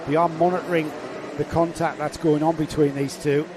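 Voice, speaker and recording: A man's voice: on the high side, little pitch movement, moderate pace, noisy background. A man commentating live on a kart race, explaining the racing and teasing his co-host. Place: outdoor kart track commentary point.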